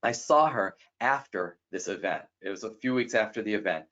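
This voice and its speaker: The audio is dull lo-fi as a man explains personality styles to a guest. He's animated, impersonating the people in his stories with swift leaps in pitch.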